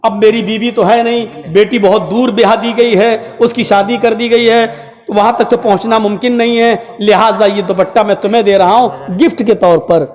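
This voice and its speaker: A man voicing a humble elderly man who gently explains why he is handing over a gift, in a sermon story. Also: high voice, fairly even intonation, pitched below the performer's own voice, lightly acted. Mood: gentle. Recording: echoey hall with long reverb.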